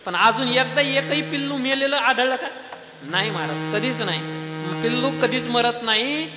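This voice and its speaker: High-pitched guy preaching a devotional sermon, keeps asking the crowd questions, big echoey hall. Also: moderate pace, over loud music. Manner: rhetorical questions to the audience. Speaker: kirtan preacher. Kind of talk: devotional sermon with sung verses.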